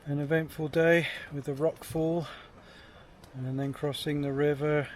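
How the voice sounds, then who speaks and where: A British man casually narrating a camping vlog to camera, musing aloud in an understated, halting way. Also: on the high side, flat delivery. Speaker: solo camping vlogger. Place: outdoors at a windy jungle campsite and inside a tent. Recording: loud wind and outdoor noise. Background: wind and camp ambience.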